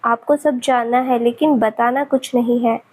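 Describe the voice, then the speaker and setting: A woman's voice: sits high, fairly even intonation, a little slow, darkish tone, husky. A woman voicing a tearful, sulky young woman who scolds her sick partner in a pleading tone. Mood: tearful scolding.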